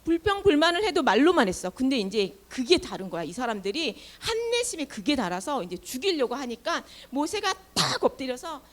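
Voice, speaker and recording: A young woman leading a children's sermon, telling a Bible story in animated fashion. Her voice is high and swoops up and down constantly. She keeps turning to the kids with questions. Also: normal speed, few pauses. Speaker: children's ministry teacher.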